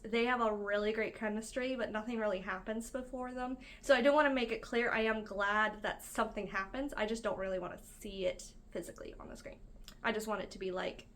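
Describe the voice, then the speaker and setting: A woman's voice: medium pitch, fairly bright tone. A woman hosting a casual reaction vlog, chatty and gushing, with lots of fillers. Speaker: book-reading video host.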